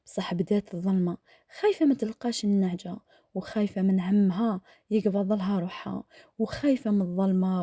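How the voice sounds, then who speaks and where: A woman with an Algerian accent telling a dramatic story in a hushed, half-whispered voice while cooking, close to the mic. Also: medium pitch, slightly rough, dry recording. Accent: Algerian Arabic.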